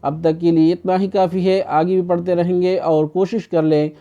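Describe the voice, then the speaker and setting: A man teaching an online Quran recitation lesson, asking questions and answering them himself, then chanting the verses slowly to show how they should sound. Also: high voice, little pitch movement, dark tone, highs cut off.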